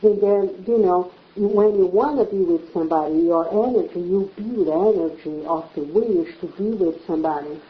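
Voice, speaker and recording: A woman's voice: fairly low pitch, normal speed, hardly any pauses. A woman talks over a casual chat in an echoey room. She explains earnestly and circles back with repeated phrases. The sound is dull and lo-fi. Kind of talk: casual conversation.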